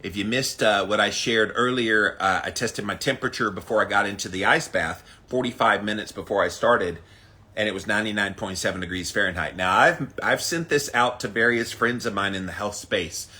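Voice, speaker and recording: A man's voice: lowish voice, a little fast, bright, forceful tone. A man hosting a casual livestream, chatting to viewers with an emphatic, punchy delivery. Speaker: host of a daily ice bath challenge livestream. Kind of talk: casual livestream chat, greeting viewers by name.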